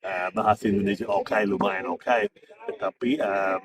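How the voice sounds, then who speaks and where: A middle-aged man, an English speaker, speaks Indonesian as a foreigner in a casual interview, halting as he searches for words. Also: low-pitched, flat delivery. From Australia. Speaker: interview guest, former diplomat and interpreter. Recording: distant mic amid clear crowd chatter.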